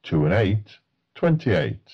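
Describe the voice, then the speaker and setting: A man's voice: lowish voice, sing-song, slow, gravelly, breathy edge, dull audio. A man working as a bingo caller, announcing numbers in set phrases with a matter-of-fact delivery.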